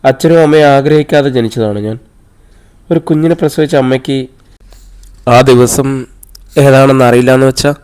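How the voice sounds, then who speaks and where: A man's voice: medium pitch, moderate pace, pauses often, darkish tone, clear, resonant tone, natural voice. A man reading the part of a hurt, defiant young woman who answers bitterly and accusingly.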